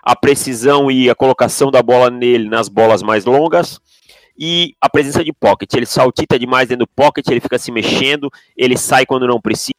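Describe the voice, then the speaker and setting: Dude, blunt opinions, dry close mic. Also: male voice, medium pitch, brisk, no room sound. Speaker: podcast co-host. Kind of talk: casual sports podcast analysis.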